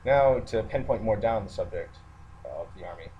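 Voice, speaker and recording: With a lowish, animated voice at normal speed, a man in the military delivers an unscripted rant to his online video listeners, matter-of-fact and pausing to think aloud. The recording sounds muffled, and there's background noise with a roommate nearby.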